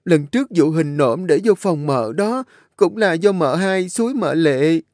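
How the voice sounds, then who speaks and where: A man's voice: on the high side, expressive, measured pace, a little mellow, no room sound, clean studio sound, pitched above the performer's own voice. A man doing a terrified pleading servant girl. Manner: stammering, begging.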